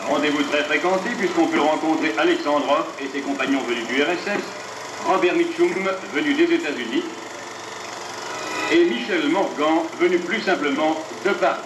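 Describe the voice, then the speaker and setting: High-voiced old newsreel narrator, man, noisy soundtrack. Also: normal speed, roomy sound, recorded from a distance. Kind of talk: 1950s French newsreel narration, scripted.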